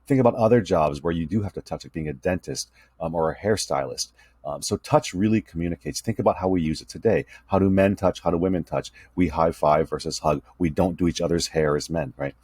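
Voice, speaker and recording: Deep husky-voiced male instructor. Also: brisk, darkish tone, no echo. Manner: conversational, tag questions "right?" and fillers. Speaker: communication instructor. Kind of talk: recorded lecture over slides.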